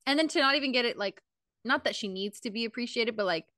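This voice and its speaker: A young woman chats loosely as a podcast co-host, blunt and quick to laugh, with casual swearing. Her voice sits a little high, and the sound is close and dry with no room around it. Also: pushed and bright, dry recording. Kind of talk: casual chat.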